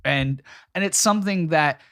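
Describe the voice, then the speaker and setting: A man's voice: on the high side, normal speed, sharp tone, no room sound, studio quality. A young adult man co-hosting a casual podcast chat, talking loosely with many "you know" fillers. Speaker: podcast co-host.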